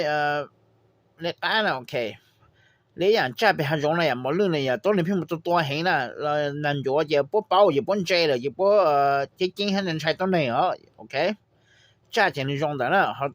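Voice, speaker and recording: Recorded dry, a man with a somewhat high voice teaches casually about raising birds. As a poultry trainer sharing tips, he switches into English at times and keeps checking in with those listening.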